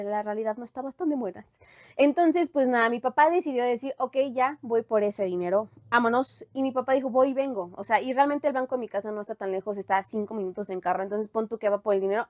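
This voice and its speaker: A young woman with a Mexican accent tells a story in a lively, slangy, animated way. Her voice sits fairly high. The recording is dry and close, with little room sound. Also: no room sound. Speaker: storytime vlogger. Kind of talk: casual storytime chat.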